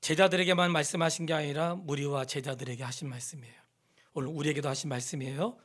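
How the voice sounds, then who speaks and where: Middle-aged male pastor, fairly high voice, emphatic sermon delivery with call-and-response to the congregation. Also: fairly even intonation, fast. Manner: emphatic preaching, swings from loud exhortation to hushed near-whispers; questions the congregation and has them repeat lines. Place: church sanctuary.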